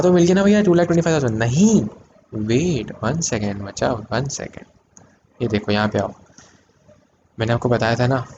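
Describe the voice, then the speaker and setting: Hindi-English accounts teacher, noisy room. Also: male voice, lowish voice. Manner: asks students questions, then answers them himself; mixes Hindi and English, with sudden loud emphatic bursts. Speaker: commerce teacher. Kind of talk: classroom-style video lesson.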